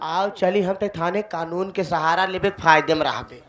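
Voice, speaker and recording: A man's voice: very high-pitched, animated, unhurried, bright, forceful tone, full character voice. A man playing a protective elder sister in a folk stage drama, speaking in an insistent manner. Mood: persuading.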